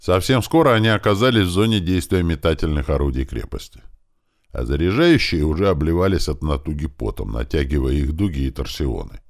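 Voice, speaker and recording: A man with a very deep, low voice reads an audiobook. His delivery is lively, and his pitch rises and falls a lot as he moves through the story. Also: brisk. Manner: lively, shouting out the characters' battle commands. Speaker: audiobook narrator. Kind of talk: audiobook narration.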